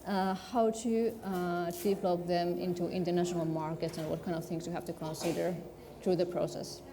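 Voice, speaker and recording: A woman's voice: on the low side, level tone, moderate pace. A woman from Finland, speaking on a conference panel hesitantly, with many fillers. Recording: room noise in a conference venue.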